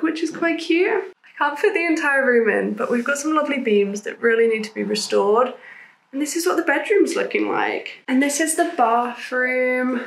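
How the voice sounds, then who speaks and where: A woman in her twenties vlogs casually in an empty small house, holding the camera at arm's length and chatting in an upbeat way. Her voice is fairly high and gravelly, and the bare rooms make the audio echoey.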